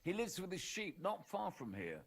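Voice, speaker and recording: An actor playing a talkative medieval villager in a video game, giving directions and telling tales in a husky voice. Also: male voice, high-pitched, huge pitch swings, normal speed, heavily acted. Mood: storytelling.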